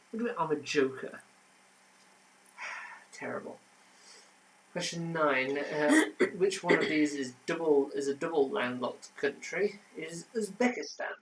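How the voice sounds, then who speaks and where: A man's voice: mid-range voice, low-quality recording. A man hosting a casual home quiz, reading answers and adding trivia with frequent fillers. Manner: chatty, reads answers then adds trivia with many fillers. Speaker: quiz host.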